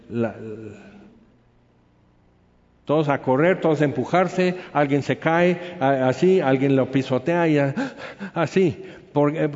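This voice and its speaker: A man's voice: on the high side, darkish tone. A man teaching a Bible study class in a conversational way, often checking in with his listeners. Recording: echoey hall, dull sound.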